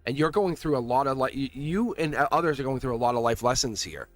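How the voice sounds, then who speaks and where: A man with a Boston accent hosting a casual live tarot reading, chatting to viewers in an excitable, chummy, slangy way. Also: medium pitch, fast talker, soft background music. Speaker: tarot reader and livestream host.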